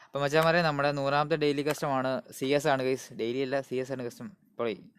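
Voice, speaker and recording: Clear-voiced Malayali man hyping a gaming stream, code-mixing English. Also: medium pitch, level tone, fairly quick, no room sound. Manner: mixes English words and phrases into Malayalam; hype-building, calls out greetings to viewers. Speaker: live stream host. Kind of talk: casual gaming live stream chat.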